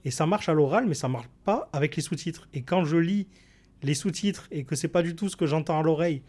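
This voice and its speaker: A man's voice: a little high, brisk, darkish tone. A man on a podcast panel, giving his opinions bluntly and with emphasis. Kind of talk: casual debate chat.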